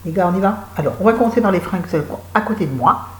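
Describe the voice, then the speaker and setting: A low-pitched woman talks casually to her viewers from home, chatty and self-mocking, wandering from thought to thought. Her voice sits deep for a woman, the room adds a noticeable echo, and a faint hum of ambience runs underneath. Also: lively intonation, rapid-fire. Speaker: vlogger. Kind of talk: casual chat to camera.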